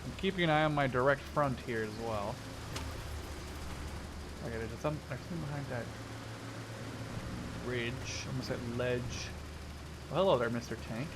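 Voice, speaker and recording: With a mid-range voice, a moderate pace and frequent pauses, this Dutch gaming host in his twenties, based in Canada, chats through his gameplay. He's playful and casual and tends to think aloud while playing. Tank game sounds, including vehicle and game noise, fill the background.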